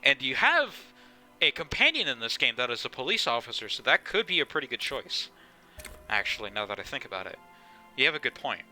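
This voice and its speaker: A young man with a very bright, forceful voice, streaming a game live and rambling casually. He swears now and then while he thinks aloud. Faint game music plays behind him. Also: medium pitch, sing-song, fairly quick. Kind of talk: casual live gameplay commentary.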